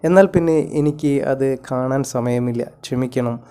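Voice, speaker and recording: A man's voice: mid-range voice, warm tone, smooth, close to an everyday voice. A man reading as a weary, worried young mother. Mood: resigned. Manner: measured bilingual reading of her lines.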